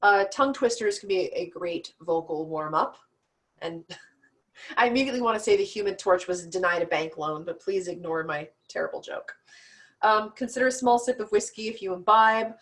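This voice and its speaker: A woman's voice: mid-range voice, expressive, moderate pace. A woman teaching an online storytelling class in a chatty, practical way, with self-deprecating asides.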